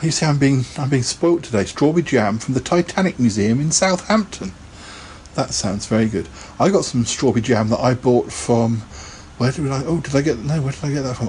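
A man's voice: medium pitch, a little fast, darkish tone, a little hiss or hum. A man hosting a casual live podcast, chatting in a rambling way and laughing often. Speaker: podcast host.

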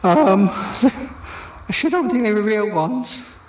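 A woman's voice: mid-range voice, animated, slow, a little hiss or hum. A woman voicing a nervous, giggly male stage actor who rambles and hesitates as he leaves a message. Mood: bubbly. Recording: roomy echo.

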